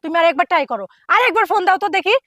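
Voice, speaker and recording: An actress playing a reassuring but defensive young daughter-in-law in a family drama, talking in an insistent, conversational way. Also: female voice, very high voice, expressive, very fast, fairly bright tone, no room sound, clean studio sound. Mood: impatient reassurance. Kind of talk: Bengali family TV drama acting.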